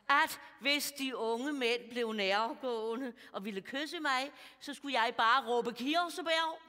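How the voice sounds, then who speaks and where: A woman's voice: sits high, pushed and bright. A woman playing a bawdy, gossipy old lady of about seventy, confiding to a live audience and chuckling at her own jokes. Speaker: comedian. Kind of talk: stand-up character monologue. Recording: stage mic in a hall with audience.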